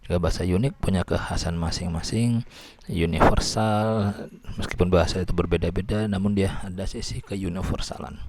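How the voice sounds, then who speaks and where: A man's voice: low-pitched, a little mellow. A man lecturing on linguistics, explaining patiently and often restarting or repeating words. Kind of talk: recorded lecture.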